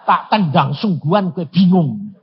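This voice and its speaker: A man's voice: a little high, sing-song, a little slow, highs cut off, voice pushed up. An old man voicing God, plain and teasing. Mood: matter-of-fact. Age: 80s. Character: God speaking calmly to a praying man.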